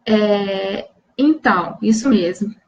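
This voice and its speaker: A woman's voice: mid-range voice, takes it slowly, creaky, dull audio. A woman from Brazil hosting a live stream, coaching viewers in an earnest, restarting way and answering them by name.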